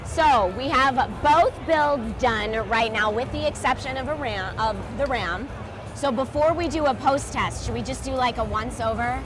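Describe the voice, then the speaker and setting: A woman's voice: high-pitched, normal speed. A woman hosting a live event in an unscripted, conversational way. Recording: music and crowd in busy venue.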